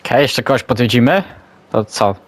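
A man's voice: medium pitch, brisk. A man giving casual, chatty gameplay commentary, musing aloud as he plays. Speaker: let's play commentator.

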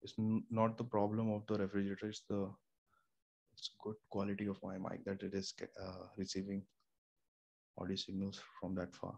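In a casual screen-share tutorial, a young Indian-accented host goes through home recording step by step with lots of fillers and restarts. His voice is low, gravelly and darkish, monotone at normal speed. The sound is lo-fi, from a studio mic through an audio interface in a small room near an air conditioner and fridge, with faint room hum.

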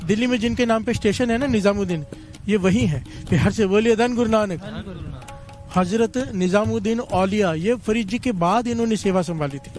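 High-voiced preacher telling a devotional story. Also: male voice, a little fast, a little mellow, soft background music. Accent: North Indian. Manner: repeats a call-and-response refrain to the congregation.

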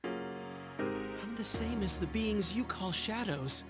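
A young man voicing a calm, mysterious young figure in a video game, speaking in a measured, grave way. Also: high voice. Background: game music.

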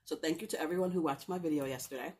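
A middle-aged woman chats casually to her viewers while eating crunchy fried chicken, pausing between bites. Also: low-pitched, darkish tone, soft background music. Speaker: mukbang video host. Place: living room at home, indoors. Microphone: camera on a stand at table distance.

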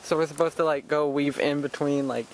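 A man's voice: a little high, fairly even intonation, brisk, slight background noise. A young man filming a casual vlog outdoors at a woodland retreat camp, giving a joking, teasing tour with a handheld camera. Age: young adult. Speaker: vlogger.

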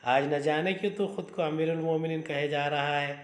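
A man's voice: a little high, fairly even intonation, moderate pace, natural voice. A man reading as a fretful old mother. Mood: anxious. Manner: anxious, tender scolding. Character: worried old mother pleading with her son. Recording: roomy echo.

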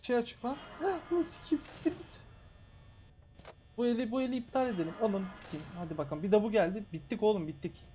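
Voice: medium pitch, very fast, hardly any pauses, dark tone, a little hiss or hum. A streamer doing live horror gameplay commentary, grumbling and cursing constantly and shrieking at jumpscares. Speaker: game streamer.

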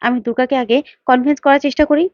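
A woman voicing a scheming woman giving hurried, persuasive advice on the phone. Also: high voice, steady tone, darkish tone, no echo, lo-fi sound, natural voice. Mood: urgent.

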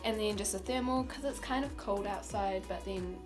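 A girl in her teens with a New Zealand accent vlogs informally and giggly, holding her phone at arm's length as she goes from home to the stable and paddock. Her pitch is medium and her speed normal, over music.

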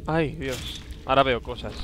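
A man's voice: mid-range voice, moderate pace, noisy background. A man from commentates a horror game, talking to himself in a nervous, jumpy way. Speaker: gameplay commentator. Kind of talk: casual gameplay commentary.

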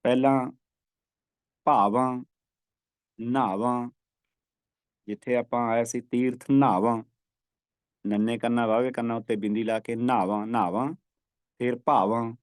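A man teaching scripture recitation, chanting verses slowly and repeating them for practice. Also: medium pitch, fairly even intonation, no echo.

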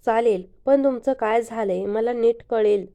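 A woman's voice: a little high, unhurried, dark tone. A woman reading the part of a friendly, easygoing young woman in an audio story, casual and reassuring.

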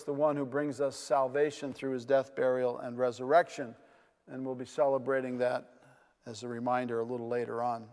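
An older man with a New England accent preaching a sermon from a pulpit in a large wood-paneled church, earnest, with rhetorical questions and frequent fillers. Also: a little high. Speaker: pastor. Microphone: pulpit mic. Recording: long church reverb.

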